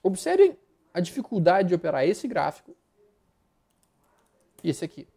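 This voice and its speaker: A man's voice: sits high, big pitch swings, normal speed, vocal fry, warm tone, slightly rough. A man with a Brazilian Portuguese accent giving live stock market commentary over charts, blunt and slangy, rattling off repeated words as he flips through them.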